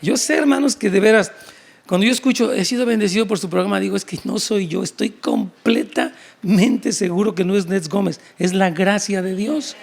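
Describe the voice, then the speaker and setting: A man preaching a sermon. He is animated, acts out quoted voices in shifting tones, and speaks directly to the congregation. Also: high-pitched, moderate pace, vocal fry. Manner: addresses congregation directly and often. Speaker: pastor. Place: church service.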